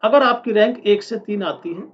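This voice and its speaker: A man with an Indian accent teaching English in an online lesson, repeating example sentences slowly and with emphasis. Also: high-pitched, lo-fi sound.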